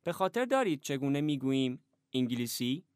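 Smooth, dry-voiced male lesson narrator. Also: medium pitch, no room sound. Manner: measured, even, instructive. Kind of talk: scripted instruction.

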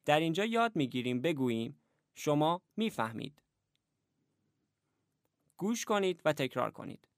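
A man narrating a language lesson, giving measured, even instructions in a scripted way. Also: on the high side, no echo, studio quality.

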